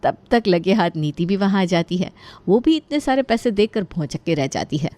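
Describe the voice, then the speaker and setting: A woman narrating a comic bedtime story in a lively, playful way. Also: mid-range voice, normal speed.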